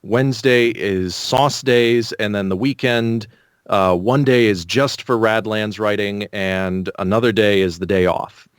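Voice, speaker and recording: Slow, low, smooth-voiced man. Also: steady tone, no echo, studio quality. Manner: measured, thinking aloud with pauses. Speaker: interview guest. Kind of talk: casual explanatory interview talk.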